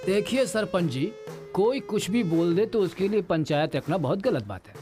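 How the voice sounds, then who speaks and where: A man's voice: high voice, expressive, moderate pace, warm tone, soft background music. An actor playing a father who talks about his young son in a Hindi film scene. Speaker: father of a small boy.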